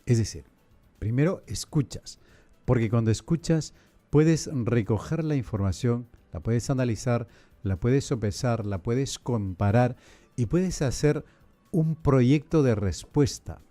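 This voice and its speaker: A priest hosting a podcast, explaining in a didactic, measured way and asking many rhetorical questions. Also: male voice, medium pitch, dark tone, faint music behind.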